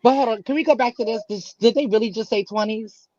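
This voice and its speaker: A woman guest on a casual panel talk show, chatting and reacting with quick interjections. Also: a little high, darkish tone, no echo. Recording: dry, dull lo-fi sound.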